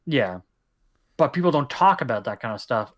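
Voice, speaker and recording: In a casual podcast chat, a young co-host rambles emphatically and goes on at length. His mid-range voice is animated and moves at a moderate pace.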